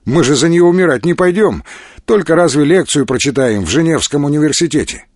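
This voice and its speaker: Guy voicing a scoffing young skeptic, lively sing-song delivery. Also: a little high, brisk, no room sound, studio quality, voice pushed up. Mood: skeptical.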